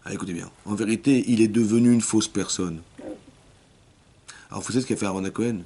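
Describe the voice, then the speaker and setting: Fast-talking rabbi giving a lesson. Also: male voice, fairly low pitch, fairly even intonation, mellow. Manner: rapid, repetitive, often checks if listeners understood; acts out dialogues within his explanations. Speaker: rabbi teaching a class. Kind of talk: Torah lesson for women.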